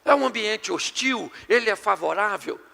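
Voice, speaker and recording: A middle-aged Brazilian pastor preaching an animated, joking sermon to a live congregation. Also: male voice, sits high, moderate pace, vocal fry. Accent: Brazilian Portuguese. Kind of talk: sermon on marriage and communication. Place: church hall before a live congregation. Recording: long hall reverb.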